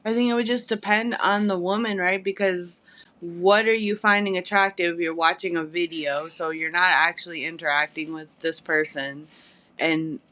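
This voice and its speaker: Midwestern female co-host, slightly low voice, relaxed and giggly. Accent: Midwestern American. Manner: giggly, relaxed, says "like" often. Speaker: podcast co-host. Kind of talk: casual podcast chat.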